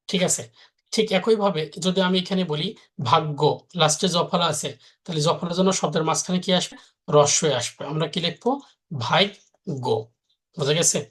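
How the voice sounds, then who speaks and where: Male teacher, live lesson, repetitive question-and-answer delivery. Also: a little high. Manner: repeats rules, asks and answers own questions. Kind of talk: live online grammar lesson.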